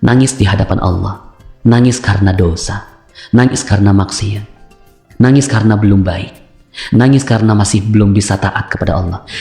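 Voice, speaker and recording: A man's voice: on the low side, creaky, warm tone, reverberant. A man hosting a religious self-help talk, answering viewer questions with a repetitive preaching cadence and rhetorical questions.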